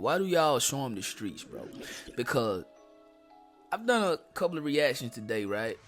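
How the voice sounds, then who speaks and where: Young man, reaction host, slangy, profane, lively pitch, faint background music. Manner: blunt, slangy, profane storytelling. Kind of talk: casual reaction commentary.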